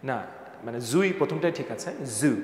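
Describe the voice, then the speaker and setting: A man teaching pronunciation to a live class, his tone playful and full of jokes as he calls on students and asks them questions. His voice sits at an ordinary male pitch and rings around a hard-walled room with a long reverb tail. A faint hiss of background noise stays under him the whole time. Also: lively intonation, moderate pace, darkish tone. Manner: playful, jokey, quizzes students by name. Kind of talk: classroom lesson.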